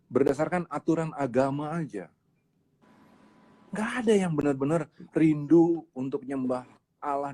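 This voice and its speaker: A man's voice: medium pitch, dark tone. A male pastor giving a casual, conversational sermon, emphatic and full of rhetorical questions.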